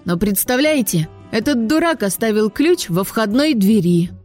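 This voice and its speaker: Woman doing a smart shy kid with glasses, hushed, explains stuff, a bit high. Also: lively intonation, moderate pace, soft background music, natural voice. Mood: explaining. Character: clever young boy in glasses, shy but proud.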